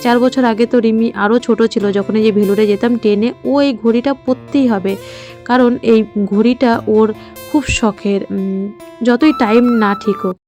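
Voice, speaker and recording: Mellow, flat-voiced mother vlogging. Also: a little high, normal speed, soft background music. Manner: rambling, heartfelt, many fillers. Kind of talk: casual vlog narration.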